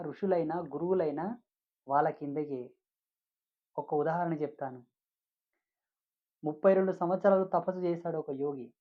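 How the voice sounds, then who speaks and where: A man's voice: fairly high pitch, phone-quality sound. A man preaching a devotional sermon as a spiritual teacher, emphatic and repetitive, with frequent rhetorical questions.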